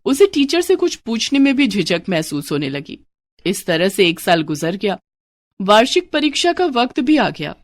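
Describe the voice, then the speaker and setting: A woman telling a moral story in steady, expressive scripted narration. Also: medium pitch, no room sound.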